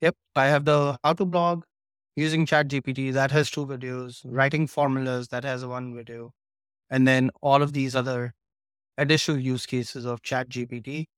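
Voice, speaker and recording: A man's voice: medium pitch, little pitch movement, normal speed, fairly bright tone, clean tone, dry recording, clean studio sound. A man talking as an interview guest over a video call, eagerly walking through his material step by step. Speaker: guest course creator. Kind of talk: casual interview chat.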